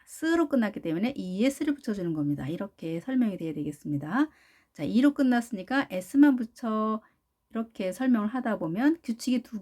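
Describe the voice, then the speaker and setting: A woman teaching an English phonics lesson, patiently repeating each model word slowly. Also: mid-range voice, mellow.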